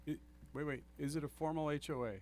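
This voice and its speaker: A man's voice: a little high, fairly even intonation, quick pace, a little mellow, a little hiss or hum. A man on a planning commission, talking earnestly at a public meeting, apologizing and thinking aloud with restarts into a table microphone he sometimes drifts away from. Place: council meeting room. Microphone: table microphone, sometimes off-axis.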